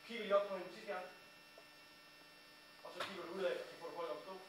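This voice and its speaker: High-voiced man directing in an echoey hall. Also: fairly even intonation. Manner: instructive, brisk, thinking aloud. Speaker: school play director. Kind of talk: directing a rehearsal. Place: large school hall. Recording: echoey hall from far off, noisy.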